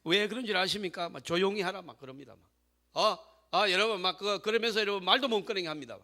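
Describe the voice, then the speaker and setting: A man pastor preaching a sermon, telling a story emphatically and calling out to the congregation, moving from hushed to loud. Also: high-pitched, quick pace. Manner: swings between hushed storytelling and loud exhortation.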